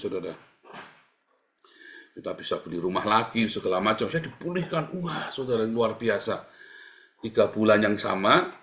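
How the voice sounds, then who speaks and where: A man from Indonesia, a pastor preaching a sermon as personal testimony. He keeps turning to the congregation and swings between quiet low asides and loud, raised exhortation. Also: vocal fry. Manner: animated testimony, repeatedly addressing the congregation as brothers and sisters.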